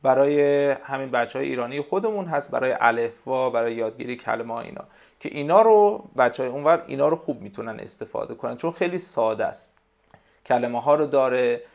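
A man with a gravelly, creaky voice at a middle pitch talks as a guest in a relaxed interview. He is a tutor explaining his work, and he gropes for words with frequent pauses and fillers. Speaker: language tutor, podcast guest. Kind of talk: casual conversational interview.

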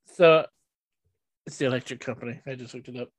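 A man hosting a casual podcast, playfully reading knock-knock jokes in a deadpan way. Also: medium pitch, brisk. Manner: playful, deadpan joke delivery with groans. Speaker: podcast host.

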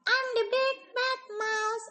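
A woman voicing a squeaky, boastful little male mouse villain in a children's story. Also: flat delivery, takes it slowly, pushed and bright, full character voice. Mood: boastful menace. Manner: squeaky, menacing sing-song boasts. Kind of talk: storybook character voice.

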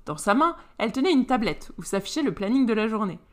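A woman reading a romance novel aloud in a lively, animated way. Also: on the high side, fast. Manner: lively, animated, voices all characters. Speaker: narrator.

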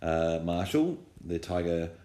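A man's voice: low-pitched, very animated, slow pace, warm tone, reverberant. An Australian man, around his thirties, hosting a casual podcast and talking patiently in simple questions with a small child. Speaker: podcast host.

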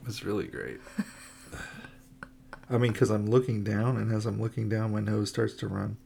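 A man's voice: on the low side, fairly even intonation, a little slow, creaky, warm tone, a little hiss or hum. A man co-hosting a casual home podcast, joking and laughing while he sneezes and coughs with a runny nose. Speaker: podcast co-host.

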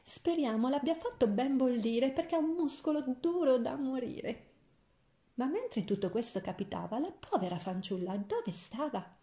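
A woman's voice: sits high, expressive, normal speed, warm tone. A woman reading a rhymed fairy tale aloud with a playful, rhythmic verse delivery. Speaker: storyteller. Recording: roomy echo.

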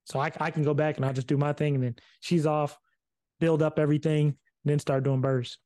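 A man co-hosting a podcast, chatting casually about money and work. His voice sits a little high for a man. He talks in lively bursts and often restarts his sentences. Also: a little fast. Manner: animated, repeats himself, swears casually. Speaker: podcast co-host. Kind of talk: casual chat.

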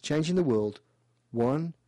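A male radio host with a fairly high voice gives a caller an animated, playful reading. He talks in a lively way and keeps restarting his phrases. The studio sound is dry and close. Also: slow pace, no room sound. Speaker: radio show host doing past-life readings. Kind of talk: call-in radio talk.

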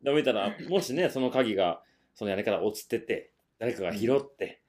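A man's voice: fairly low pitch, a little fast. A man with a Kansai Japanese accent co-hosting a podcast, chatting casually and telling stories with acted-out bits of dialogue. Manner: animated storyteller, acts out quoted dialogue. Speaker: podcast co-host. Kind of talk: casual storytelling chat.

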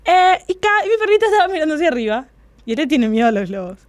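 Young paraguayan woman hosting, high voice, teasing, dry sound. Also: very fast, no echo. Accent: Paraguayan Spanish. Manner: teasing, animated storytelling. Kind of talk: casual chat.

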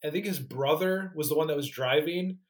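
Animated man recounting a story. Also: on the high side, brisk. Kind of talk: casual chat, recapping a documentary.

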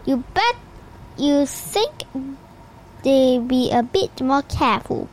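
A woman's voice: high voice, big pitch swings, full character voice. A woman reading as a stern, irritable woman professor. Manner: halting read-aloud with slips.

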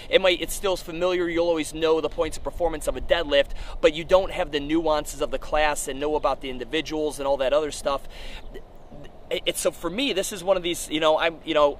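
Dude on a roof outside doing a casual gym podcast, cusses a lot, blunt, voice a bit high, faint street noise. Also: male voice, fairly bright tone. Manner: profane, blunt, informal coaching talk. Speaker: gym owner and podcast host. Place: outdoors on an urban rooftop. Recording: outdoor urban noise with traffic.

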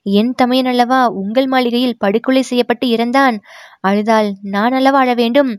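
A woman's voice: fairly high pitch, fairly even intonation, normal speed, clear, resonant tone, no room sound, natural voice. Woman reading a stern, proud royal princess for an audiobook, dry close sound. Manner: stern, reproachful.

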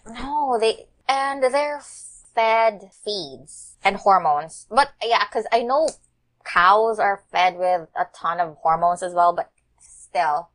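A woman's voice: medium pitch, animated, takes it slowly, fairly bright tone. A woman, a guest on a food podcast, talking in an opinionated, teasing way. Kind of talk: casual chat.

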